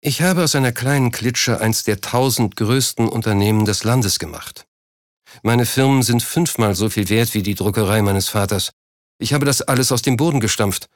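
A man's voice: mid-range voice, normal speed, no room sound, studio quality, close to an everyday voice. A man voicing a proud curt businessman. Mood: defensive. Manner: curt, slightly irritated. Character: proud driven businessman, middle-aged, terse. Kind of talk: audiobook character voice.

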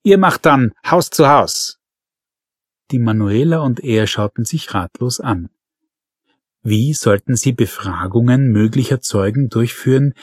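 A man narrating a crime audiobook in a calm, measured, wry manner. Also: lowish voice, husky, dry recording, studio quality. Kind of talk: scripted narration.

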